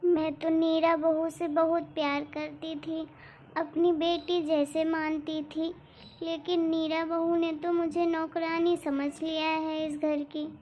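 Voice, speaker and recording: Woman doing a soft-spoken cartoon mother-in-law, gentle and patient, very high voice, dull lo-fi sound. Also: level tone, takes it slowly, a little hiss or hum. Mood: hurt. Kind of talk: cartoon voice acting. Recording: dull lo-fi recording.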